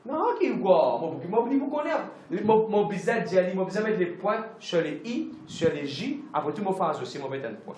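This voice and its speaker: A man's voice: high-pitched, very animated, moderate pace, few pauses, darkish tone, reverberant, a little hiss or hum. A man pastor, preaching a sermon emphatically with lots of repetition and English phrases mixed in.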